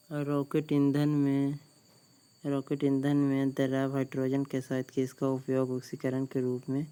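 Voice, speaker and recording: Speaking in a mid-range, mellow, smooth voice, a male exam tutor with a Bihari Hindi accent works through practice questions and answers. He reads each question twice in a slow, even monotone before answering, while crickets chirp faintly behind him.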